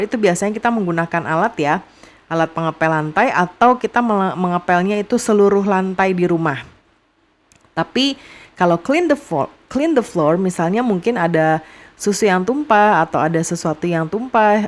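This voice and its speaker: A young English teacher with an Indonesian accent and a mid-range voice teaches vocabulary to young students. She repeats each phrase slowly and patiently.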